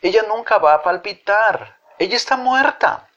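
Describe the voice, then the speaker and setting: A man voicing a plain-spoken young boy in a high childish voice. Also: expressive, moderate pace, fairly bright tone. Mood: matter-of-fact. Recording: dull lo-fi recording.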